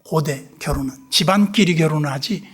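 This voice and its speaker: A man preaching a revival sermon in a church, telling stories animatedly and acting out both sides of dialogues, dropping to hushed asides. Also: a little high, normal speed, breathy edge. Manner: drops to hushed whispers for asides. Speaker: pastor. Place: church sanctuary.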